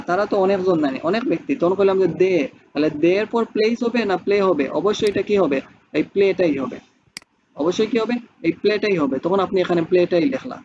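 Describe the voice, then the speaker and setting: A man's voice: sits high, darkish tone, highs cut off, a little hiss or hum. A man teaching spoken English, who explains step by step and keeps asking rhetorical questions.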